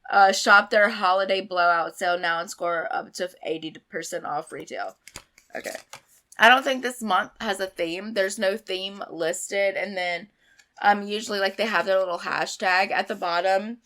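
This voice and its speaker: A young woman reviewing a beauty box in a chatty, emphatic way, hoarse and sick with a sore throat. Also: mid-range voice, a bit bright. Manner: chatty, emphatic, rambling asides. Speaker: beauty vlogger. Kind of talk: casual unboxing review.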